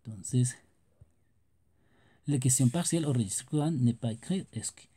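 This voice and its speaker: Dark husky man teaching French grammar. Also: mid-range voice. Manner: explains in Spanish, reads French examples slowly. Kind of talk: scripted grammar lesson narration.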